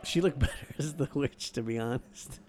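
A man's voice: mid-range voice, moderate pace, darkish tone. A man co-hosting a casual movie chat in a blunt, sweary, slangy way.

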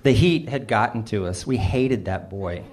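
A man's voice: fairly low pitch, moderate pace, darkish tone. A middle-aged man reading his own humorous personal essay aloud, with a dry, self-mocking delivery. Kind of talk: first-person storytelling, wry and humorous.

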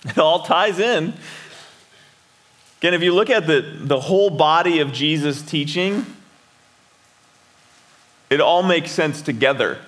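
A man's voice: on the high side, unhurried, long pauses, a bit bright. A middle-aged man preaching a sermon as a pastor in a conversational way, often repeating words and asking the listeners questions.

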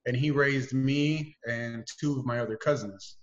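A man being interviewed on a podcast, telling a family story in an easygoing, halting way. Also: mid-range voice, lo-fi sound. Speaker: podcast guest. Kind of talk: casual interview chat.

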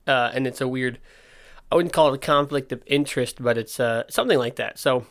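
A man's voice: mid-range voice, moderate pace, fairly bright tone. A man hosting a casual solo podcast, talking candidly and interrupting himself, with a slight lisp from his missing front teeth. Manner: informal, self-interrupting, candid rambling. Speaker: podcast host and skate park owner.

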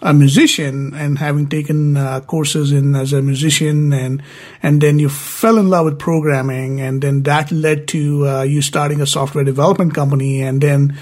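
Man, podcast host, enthusiastic, filler words, recaps guest, somewhat high voice. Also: level tone, normal speed, darkish tone. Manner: enthusiastic, many fillers, summarizes guest's answers. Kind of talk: interview hosting.

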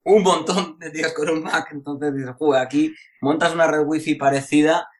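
A man's voice: fairly high pitch, steady tone, moderate pace. A man, a course instructor chatting casually, rambling and interrupting himself with colloquial asides. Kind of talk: casual podcast chat.

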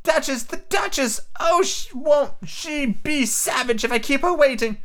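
Guy putting on a frantic little rabbit voice, way up high and fretting. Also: measured pace, fairly bright tone. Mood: panicked. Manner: panicky muttering.

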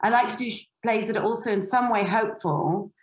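A woman talking about staging a play, her voice pitched in the middle of the female range. She rambles, circling back with fillers and restarts, and the room around her rings with echo. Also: brisk. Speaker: theatre producer and director. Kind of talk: casual interview chat. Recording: echoey room.

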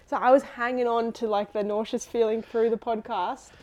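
A woman with an Australian accent co-hosting a podcast, chatting casually and telling stories in an animated, giggly way. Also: a little high, normal speed, lo-fi sound. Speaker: podcast co-host.

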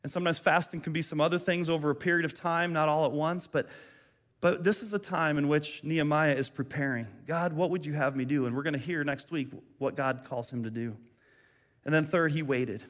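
A middle-aged man preaching to his congregation with a slightly high voice. He builds to fervent, urgent stretches and then settles into quiet, thoughtful passages. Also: a little fast. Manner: earnest, rises to fervent emphasis then drops to soft reflective tones. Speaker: pastor. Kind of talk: sermon.

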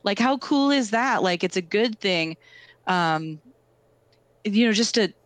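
A woman's voice: medium pitch, lively intonation, slow pace, no echo. A woman musician chatting casually about being an artist, in an earnest, encouraging way. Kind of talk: casual conversation.

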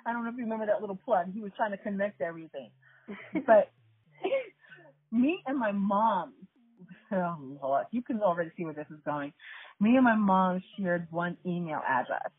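A woman in her thirties or forties from the New York area, hosting a casual chat and telling stories in an animated way. She laughs often and talks straight to her listeners. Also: medium pitch, breathy edge, no echo. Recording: tinny phone-like line, dry, faint music.

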